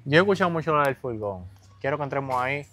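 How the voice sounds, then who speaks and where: A man interviewing a guest, asking short, low-key prompting questions. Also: expressive, quick pace, fairly bright tone, no echo. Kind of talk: casual interview.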